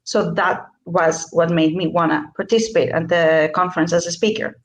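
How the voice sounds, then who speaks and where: A Greek woman with a lowish voice and fairly even intonation speaks at normal speed in an echoey room. She is a workshop speaker answering questions in an online interview over video call, hesitant and full of fillers and restarts.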